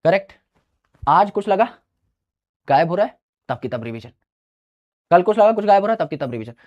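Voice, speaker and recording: A man with a high-pitched, sing-song and slightly mellow voice talks fairly quickly, recorded with lo-fi sound. He gives exam students a casual advice talk, chatting away, mixing Hindi with English phrases and calling his listeners "brother."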